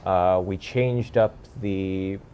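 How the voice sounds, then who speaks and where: A man's voice: low voice, extremely slow, clear, resonant tone, muffled recording. Laid-back male stream host. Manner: relaxed, joking, explains updates plainly. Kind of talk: casual livestream chat. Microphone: stage mic.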